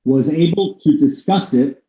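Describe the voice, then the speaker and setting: A podcast host with a mellow, darker voice, talking through ideas in long, winding stretches and leaning hard on points he cares about. He sounds a bit muffled in a room with plenty of echo. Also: a little high, a little slow. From United States. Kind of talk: conversational interview. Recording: echoey room, slightly dull sound.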